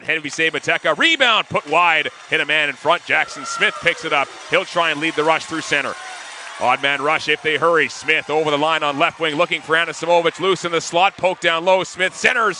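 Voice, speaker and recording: A male hockey play-by-play commentator with a very sharp, bright voice pitched a bit high. He follows the action in clipped, urgent phrases, with faint noise in the recording.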